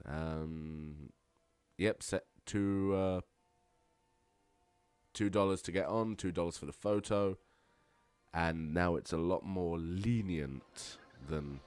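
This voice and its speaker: Hoarse low-voiced man gaming chat. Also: slow, long pauses, darkish tone, no echo. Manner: playful, chatty, jokey asides to viewers. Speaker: let's play gamer. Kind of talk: casual gameplay commentary.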